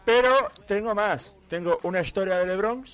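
A man co-hosting a relaxed podcast. His voice sits fairly high, and he is playful, leaning into a rolled R. He keeps it chatty and loose. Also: normal speed. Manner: playful, rolls his R on purpose. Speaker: podcast co-host. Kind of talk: casual podcast chat.

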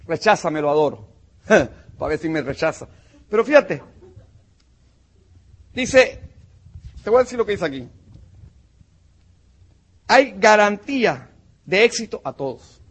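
A man's voice: sits high, breathy edge. A man giving a motivational business talk to a live audience, punchy and emphatic, calling his listeners champion and brother. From Panama. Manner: punchy and emphatic, calls listeners "campeón" and "mi hermano".

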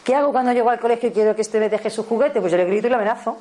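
A woman in her fifties with a Spain Spanish accent gives a spiritual talk on parenting as a teacher, her voice fairly high and mellow. She speaks fast, often correcting herself and checking in with her listeners.

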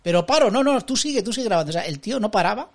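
Gravelly-voiced Spanish man, joking co-host. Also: high voice, lively intonation, racing. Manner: jokey, ironic asides. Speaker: podcast co-host. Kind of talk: casual wrestling commentary chat.

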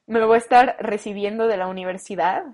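A young woman with a Mexican accent, close to twenty, telling a story in casual chat, animated and full of slang, acting out what people said. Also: medium pitch, fairly quick. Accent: Mexican Spanish. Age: late teens. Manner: animated, slangy, acts out quoted lines. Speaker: guest.

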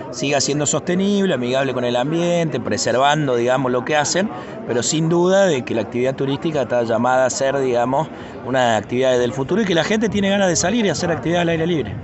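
A man's voice: medium pitch, animated, a little fast, muffled recording. A man with a Cordoba Argentine Spanish accent, explaining things conversationally as a tourism official in a spontaneous radio interview. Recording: busy outdoor crowd noise.

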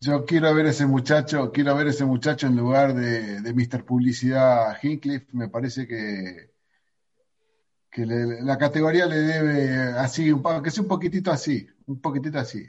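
A man's voice: medium pitch, fairly even intonation, normal speed, darkish tone, highs cut off. A man co-hosting a racing show, running through the results with wry, opinionated asides. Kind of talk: race results rundown.

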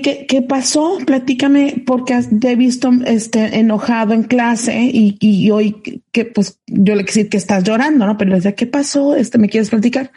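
Mellow Mexican woman telling a story. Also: on the high side, husky. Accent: Mexican Spanish. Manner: animated anecdote telling with restarts. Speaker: co-host. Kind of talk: casual storytelling chat. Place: remote call from home.

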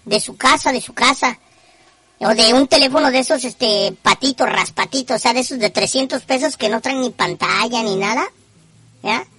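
A woman's voice: high voice, moderate pace, bright, forceful tone, dry recording. A woman with a northern Mexican accent hosting a call-in show in slangy, teasing, profane casual chat.

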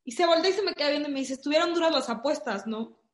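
A woman's voice: high voice, rapid-fire. A woman with a Mexican Spanish accent, telling a story in casual chat, full of fillers. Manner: animated storytelling with many fillers. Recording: echoey room.

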